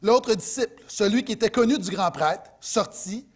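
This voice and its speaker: A middle-aged man with a Quebec French accent preaching a sermon as pastor, animated, swinging between loud emphasis and soft asides. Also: high voice, moderate pace, slightly rough.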